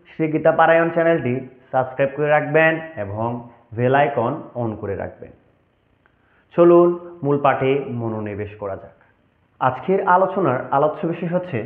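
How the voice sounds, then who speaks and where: A man teaching an online lesson on Sanskrit pronunciation, explaining in a formal, measured way. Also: on the high side. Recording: echoey, tinny phone-like sound.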